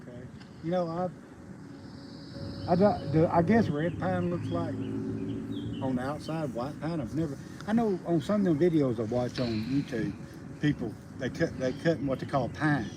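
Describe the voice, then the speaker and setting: Standing by a rural roadside for a casual outdoor livestream, this Southern American man in his 50s, a logger who hosts a homesteading channel, talks in a folksy, stop-start ramble. His pitch runs somewhat high, and birdsong and outdoor noise surround him.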